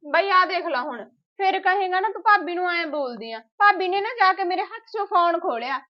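A woman's voice: very high voice, lively intonation, a little fast. A woman with a Punjabi accent playing a stubborn, argumentative young sister in a family drama. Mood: complaining. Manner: argumentative, insistent. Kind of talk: amateur short-film acting. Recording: dull lo-fi sound.

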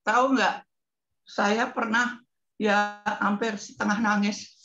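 A woman in her eighties telling lively stories with laughter as a guest on a talk show. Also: medium pitch, slow pace, muffled recording. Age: 80s. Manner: lively, laughing, mimics singing scales. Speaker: guest entertainer. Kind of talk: casual talk show storytelling.

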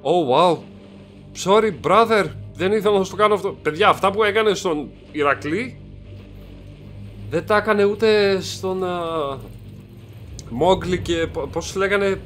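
A young man giving excitable let's play commentary, swearing and shouting at the game and dropping English slang into his talk. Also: high voice, pauses often, soft background music. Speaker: gaming YouTuber. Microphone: desk microphone.

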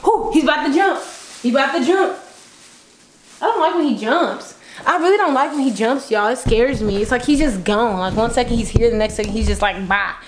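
A woman chatting casually and teasingly in an excitable, informal way for a prank vlog. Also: fairly high pitch, a little fast. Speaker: prankster vlogger. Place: indoors in a bedroom. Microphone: handheld camera. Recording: echoey room, slight background noise.

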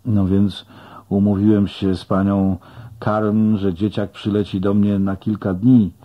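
A man narrates an audiobook in a slow, unhurried first-person way. His voice sits very low and is husky and breathy. The recording is dull and muffled. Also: flat delivery.

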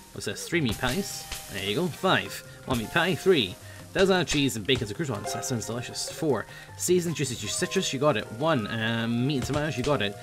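A young man hosting a gaming video, chatting fast and calling out food orders while he plays. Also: medium pitch. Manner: hyper, chatty, calls out orders while playing. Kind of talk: casual let's-play commentary.

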